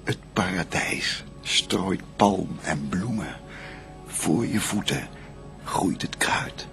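A man's voice: sits low, slow, creaky, a bit bright, faint music behind, heavily acted. An actor playing Adam, a devout and adoring first man, declaiming solemn verse in a stately, lyrical manner in a radio play. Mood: tender, adoring.

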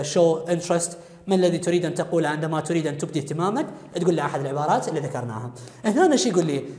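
Fast-talking Iraqi teacher, echoey room. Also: male voice, high-pitched, a little mellow. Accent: Iraqi Arabic. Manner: explains step by step, quizzing students aloud. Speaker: English teacher. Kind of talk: recorded video lesson. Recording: echoey room with long reverb.

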